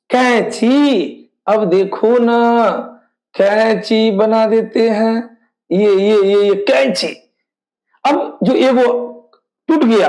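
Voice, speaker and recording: Male teacher, very high voice, slow delivery, repetitive drilling, rhetorical questions. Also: darkish tone, low-quality recording. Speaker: English teacher. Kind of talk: exam-prep classroom lesson.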